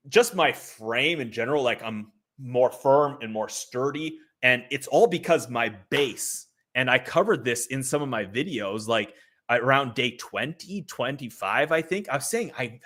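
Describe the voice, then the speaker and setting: A man hosts a livestream in a relaxed, chatty way. His voice is bright and forward at an ordinary pitch. He talks loosely, filling gaps with "like" and breaking into laughing asides. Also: slightly rough. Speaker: livestream host. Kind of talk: casual livestream commentary. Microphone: streaming setup.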